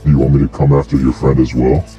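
A man using a voice changer pitched very deep, calling as a menacing devil with slow, insistent threats. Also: level tone, highs cut off, over music. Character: menacing devil offering a soul deal. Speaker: prank caller. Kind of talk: prank call over game voice chat.

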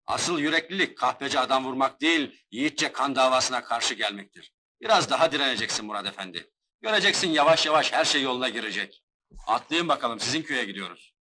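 A steady gendarme, speaks with a very bright, forceful edge at a middling pitch. His manner is earnest and measured, as in a dubbed film drama. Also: rough recording. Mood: earnest, reassuring.

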